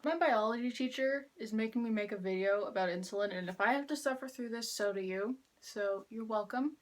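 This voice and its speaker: A teenage girl talks through a school biology assignment in a casual, deadpan way, with sarcastic asides. Her voice sits slightly high. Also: fairly quick, rough recording. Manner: wry, deadpan humor. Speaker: student making a class video. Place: kneeling on the ground drawing with chalk.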